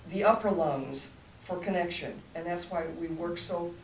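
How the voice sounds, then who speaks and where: A lowish female voice at normal speed belongs to an older voice teacher explaining technique during a masterclass talk. Her delivery is demonstrative and coaching, coming in bursts. The recording picks her up from a distance in a room, roomy and with a faint hum.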